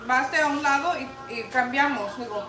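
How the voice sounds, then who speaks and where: A young woman, a mother, excitedly telling a story on a livestream and mixing in English words. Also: high voice, normal speed, over music. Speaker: co-host, mother. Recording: echoey, distant, noisy livestream audio.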